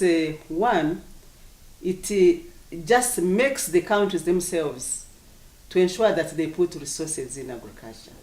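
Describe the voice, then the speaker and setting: An official with an African accent explains policy in an interview, speaking formally and deliberately, with emphatic repetition. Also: mid-range voice, a little mellow. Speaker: government official, agriculture commissioner. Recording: echoey room, distant microphone.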